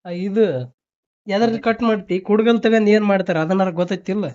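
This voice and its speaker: Heard over a noisy, band-limited phone line, a fast-talking man with a high-pitched, steady voice and a North Karnataka accent keeps repeating his questions, needling and scolding in casual banter.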